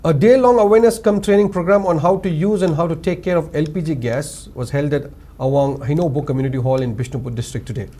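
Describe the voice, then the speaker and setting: A male news anchor with a Manipuri English accent, reading scripted headlines in a formal, measured way. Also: mid-range voice, dark tone, slight background noise. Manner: formal, measured, lifts each story opening.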